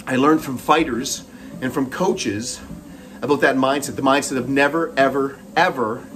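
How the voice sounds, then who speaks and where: A man's voice: mid-range voice, normal speed, fairly bright tone, a little hiss or hum. Canadian man talking while running on a treadmill. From Moncton, New Brunswick, Canada. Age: middle-aged. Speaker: host. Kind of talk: personal storytelling monologue.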